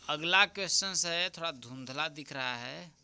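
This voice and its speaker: A man teaching as an exam tutor, going through a paper answer by answer, repeating the key answers slowly and often checking with "right?". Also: on the high side, bright, forceful tone, smooth. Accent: Hindi. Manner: repeats answers slowly, keeps asking "ठीक?"; addresses viewers as friends.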